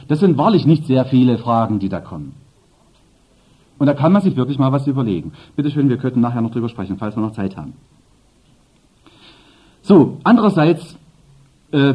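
An animated male preacher whose pitch swings widely as he presses his points and turns to the congregation with asides. His voice is husky. The sermon recording is dull and lo-fi.

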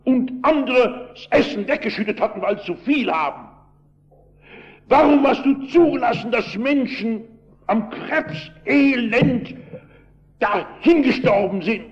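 A man acting out an angry miner who shouts accusing questions at God. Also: sits high, expressive, measured pace, gravelly, pauses often, lo-fi sound, exaggerated voice. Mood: furious, accusing.

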